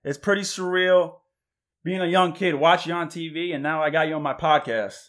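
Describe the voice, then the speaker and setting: A man's voice: on the high side, moderate pace, a bit bright. A man hosting his own podcast from a pool house, easygoing, with brief reactions. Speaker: podcast host. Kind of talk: casual interview.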